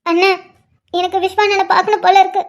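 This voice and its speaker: A woman's voice: very high-pitched, little pitch movement, quick pace. A woman voicing a tearful young bride who pleads and says a tender goodbye to her brother in a cartoon. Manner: pleading, affectionate. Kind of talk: Tamil cartoon voice acting.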